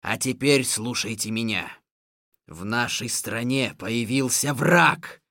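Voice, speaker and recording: A woman voicing a menacing, domineering old sorcerer king in a storybook reading, with a drawn-out, commanding delivery. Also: extremely low pitch, fairly bright tone, no room sound, clean studio sound, pitched below the performer's own voice, full character voice. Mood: rallying.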